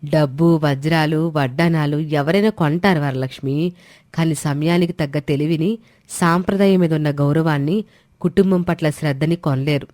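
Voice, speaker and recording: A woman's voice: low-pitched, steady tone, moderate pace, no echo, close to an everyday voice. Give me a firm, stern mother-in-law, voiced by a woman, in a dry booth. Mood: proud. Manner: forceful, scolding. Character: proud, stern middle-aged mother-in-law. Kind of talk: storybook drama voice.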